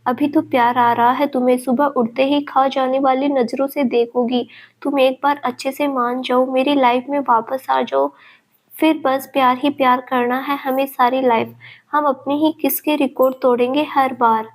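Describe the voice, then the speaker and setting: A tender young man from a storybook who soothes and coaxes his partner, soft and remorseful, as a woman narrator voices him. The voice stays high and flat, with little change from the narrator's own. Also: normal speed. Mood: gentle coaxing. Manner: soft and coaxing.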